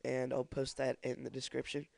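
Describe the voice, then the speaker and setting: A young man with a stuffy cold, hesitantly talking through a software tutorial with many ums and uhs. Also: medium pitch, monotone, normal speed, creaky. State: congested from a cold. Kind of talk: screen-recorded tutorial.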